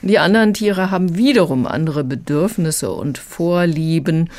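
A radio book reviewer calmly explaining a children's book. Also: medium pitch, normal speed, no room sound.

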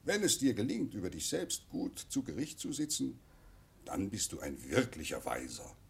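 An actor playing a pompous, lonely old king in a children's audio drama, with an imperious, drawn-out, husky delivery. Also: fairly low pitch, big pitch swings. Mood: persuading, weighty. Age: older.

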